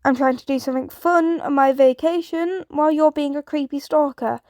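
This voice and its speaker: A woman's voice: sits high, fairly even intonation, moderate pace, darkish tone, dry recording, studio quality, close to an everyday voice. A woman reading as a tense teen boy. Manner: tense, trying to sound casual. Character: teenage boy hero, tense but acting casual.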